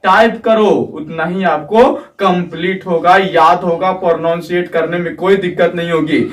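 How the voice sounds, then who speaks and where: Male teacher with a high voice, drilling English words on repeat; recorded from a distance. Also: steady tone, moderate pace, fairly bright tone. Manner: drills words by repeating them and urging viewers to say them aloud. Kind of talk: energetic classroom-style video lesson. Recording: distant mic in an echoey room.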